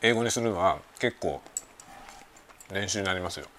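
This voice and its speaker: A man hosting a casual chat show, talking in a relaxed, rambling way over lunch at home. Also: low-pitched, normal speed. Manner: relaxed rambling talk while eating lunch. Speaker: podcast host. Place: home kitchen with everyday sounds. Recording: faint household background noise.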